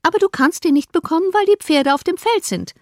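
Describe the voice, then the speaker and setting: A fussy, excitable mother , voiced by a woman narrator, scolds in a shrill voice pushed well above the reader's usual pitch. Her insistent lines ring out in a dry, close recording. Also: brisk, no room sound.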